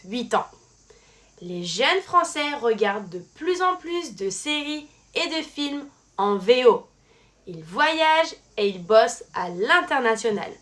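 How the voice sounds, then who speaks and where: A woman teaching a French language lesson in a clear, scripted delivery. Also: fairly high pitch, fairly bright tone.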